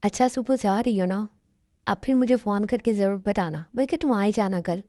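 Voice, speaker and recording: A woman's voice: medium pitch, moderate pace, dark tone, dry recording, studio quality, close to an everyday voice. A woman voicing a bossy, teasing young sister who scolds, in a fan dub. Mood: scolding.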